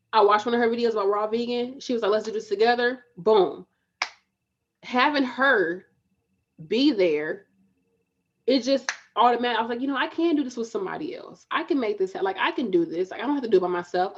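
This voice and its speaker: A woman in her thirties talks straight to her viewers in a loose, casual way. She is emphatic and repeats phrases to urge them on. Her voice sits at a middle pitch, and the home recording sounds slightly muffled. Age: 30s. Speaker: spiritual vlogger. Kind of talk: motivational direct-to-camera talk.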